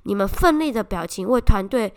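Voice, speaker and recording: A young woman kindergarten teacher with a Taiwanese Mandarin accent tells a casual, animated story, full of exclamations. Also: medium pitch, fairly quick, clean tone. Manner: animated, exclamatory, often voices children's lines.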